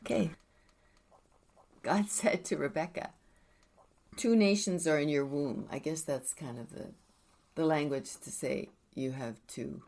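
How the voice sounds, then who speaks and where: A woman's voice: low voice, measured pace, vocal fry, pauses often, darkish tone. A woman co-hosting a casual podcast, reading Bible verses and asking curious questions with light jokes. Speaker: podcast co-host.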